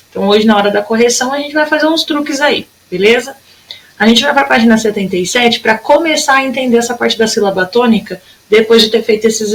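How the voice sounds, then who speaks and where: A young adult woman with a Brazilian Portuguese accent teaching a recorded lesson to children, patient and stretching words out slowly to show them. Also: on the high side, fairly bright tone, rough recording. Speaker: primary school teacher.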